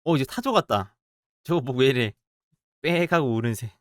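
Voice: medium pitch, lively intonation, normal speed, no echo, clean studio sound. A game streamer chatting casually, muttering to themselves and reacting playfully while drawing in a party game. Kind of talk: casual let's-play commentary while drawing.

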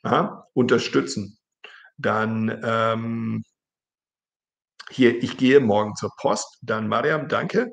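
A man's voice: lowish voice, slow, gravelly, long pauses. A man teaching German on a live stream, chatty, reading viewer messages aloud and correcting them.

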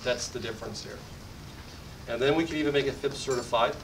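Thirties male presenter, eager sales-demo patter, middle pitch, distant podium mic with rumbling room noise. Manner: fast, enthusiastic sales pitch with frequent restarts. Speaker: tech company presenter. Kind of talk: conference product demo. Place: meetup conference room. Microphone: podium mic from far camera. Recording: distant roomy audio with rumble.

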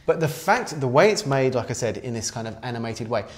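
A man in his thirties co-hosts a casual film discussion in a small studio with a poster wall. His medium-pitched voice is expressive and a little fast, and he rambles, restarts often, and gestures while talking.

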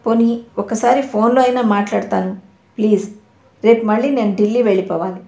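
A woman's voice: on the high side, fairly even intonation, a little fast, mellow, close to an everyday voice. A woman voicing a polite, pleading male caller with a menacing edge, in a roomy echo. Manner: courteous, pleading on the phone. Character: polite but sinister male phone caller.

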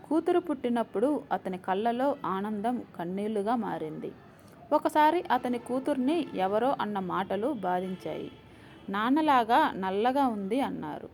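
A woman narrating a short family story in a calm, measured storytelling voice. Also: medium pitch, gravelly, slight background noise.

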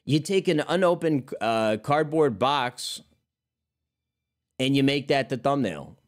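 A man in his thirties streaming and chatting off the cuff to his viewers. He wanders between topics in a loose, rambling way, with plenty of swearing. His voice sits at an everyday middle pitch. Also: lively intonation, slow pace. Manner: rambling, profane, calls listeners brother. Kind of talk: casual chat.

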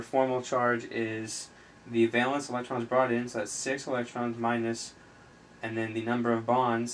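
A chemistry tutor hosting a video speaks in a flat, medium-pitched voice, working through steps haltingly as though thinking aloud while writing. The noisy amateur recording carries faint room ambience.

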